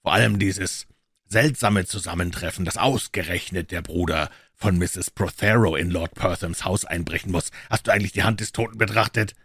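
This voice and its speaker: A man voicing a calm, observant detective in an even, measured way. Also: low-pitched, husky, dry recording, studio quality, heavily acted.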